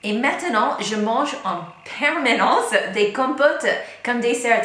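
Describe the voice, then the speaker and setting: A woman's voice: fairly high pitch, a bit bright. Chatty woman, strong American accent. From United States. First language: English. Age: young adult. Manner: chatty, often strings thoughts together with "donc". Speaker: YouTube vlogger. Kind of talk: casual direct-to-camera vlog. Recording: echoey room.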